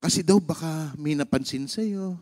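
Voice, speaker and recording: A man's voice: fairly high pitch, normal speed. A male pastor with a Filipino accent, preaching a sermon and telling a personal story, mixing Tagalog and English. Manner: animated storytelling, switching between Tagalog and English.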